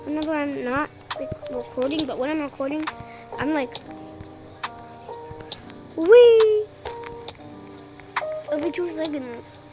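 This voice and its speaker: A young girl with a squeaky chipmunk-like voice giving excitable, slangy, casual gameplay commentary. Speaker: gamer recording gameplay. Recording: loud music over the voice. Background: loud music.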